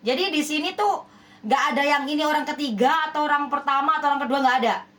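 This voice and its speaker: High-voiced woman giving an emphatic reading. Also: fairly bright tone. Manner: emphatic, repeats rhetorical questions like "ya kan?"; scolding, persuasive. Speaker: spiritual healer giving love readings. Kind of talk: direct address to viewers, relationship reading.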